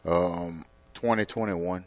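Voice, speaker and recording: Deep-voiced man, relaxed. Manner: relaxed, halting with many fillers. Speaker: podcast guest. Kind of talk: casual interview talk.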